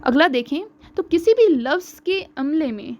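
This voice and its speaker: A woman teaching an online exam-prep lesson on grammar. She often checks in with "okay" and slows down to spell out each example. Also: high voice, lively intonation. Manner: explains with frequent "theek hai" check-ins, slows to spell out examples. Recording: slightly dull lo-fi audio.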